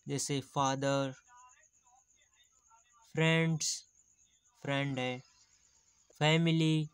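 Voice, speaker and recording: Male tutor, slow, patient, crisp dry close voice. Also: mid-range voice, fairly even intonation, dry recording. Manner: slow, explains patiently, repeats examples. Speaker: teacher. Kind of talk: teaching English pronunciation in Hindi.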